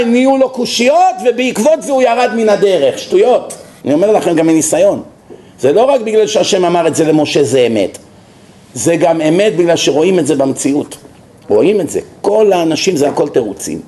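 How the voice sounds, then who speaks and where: A man's voice: sits high, roomy sound. A man lecturing as a rabbi, telling stories and asking rhetorical questions to his listeners. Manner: animated storytelling with rhetorical questions. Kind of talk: religious lecture.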